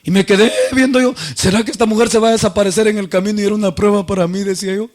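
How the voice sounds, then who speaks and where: High-voiced preacher. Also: male voice, steady tone, rapid-fire. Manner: storytelling, acts out quoted voices, swings loud and soft. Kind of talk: sermon with personal story.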